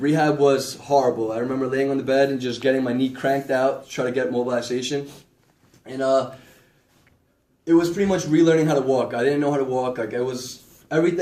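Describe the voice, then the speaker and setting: A young man from Ecuador gives a casual class presentation as a student, rambling and leaning heavily on fillers and a repeated "like." His voice is medium-pitched and a little mellow, recorded in an echoey room with background hiss.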